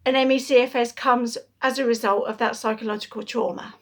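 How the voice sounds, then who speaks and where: A woman speaking earnestly to camera in an advocacy vlog, out of breath, pausing and restarting as she talks. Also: a little high, fairly even intonation. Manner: earnest, pauses and restarts mid-sentence. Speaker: awareness campaigner.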